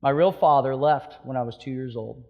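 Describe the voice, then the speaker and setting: This sermon comes from a pastor in his thirties from Hawaii, whose medium-pitched voice at normal speed shifts fervently between loud emphatic peaks and hushed, soft stretches. The audio has its highs cut off.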